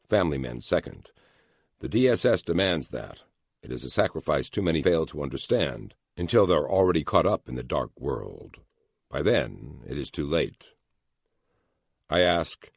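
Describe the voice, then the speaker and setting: A man reads a thriller audiobook in the first person, steady and measured. His voice sits extremely low with a gravelly, husky grain, and the recording is close and dry. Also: dry recording. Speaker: audiobook narrator.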